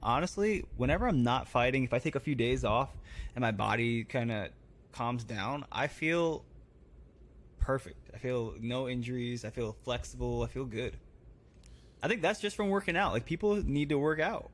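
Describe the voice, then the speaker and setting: A man's voice: mid-range voice, lively intonation, normal speed. A man in his thirties, a guest on a podcast, chatting casually in short, matter-of-fact phrases. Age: 30s. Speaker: podcast guest, professional fighter. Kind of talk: casual chat.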